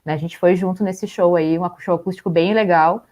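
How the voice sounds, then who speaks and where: Chatty and full of fillers and small laughs, a young woman shows photos while co-hosting a live stream. She speaks briskly in a fairly low, mellow voice with fairly even intonation.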